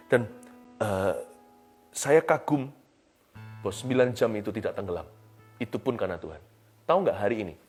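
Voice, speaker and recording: A man preaching a sermon on a live stream, swinging between soft and loud delivery and mixing in English phrases. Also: mid-range voice. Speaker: pastor.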